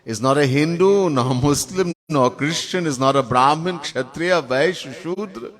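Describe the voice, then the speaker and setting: A man with a Trinidadian accent giving a sermon as a swami in a temple, chanting Sanskrit verses slowly in a sung tone between plain teaching. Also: a little high. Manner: lists words in long spoken series. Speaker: swami giving a spiritual discourse.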